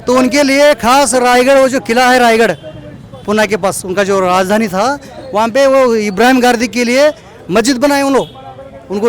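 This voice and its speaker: A man being interviewed outdoors at a celebration, talking earnestly and repeating his points, with English words mixed into his speech. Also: very high voice. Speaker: local organizer interviewed at a celebration. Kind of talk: informal street interview.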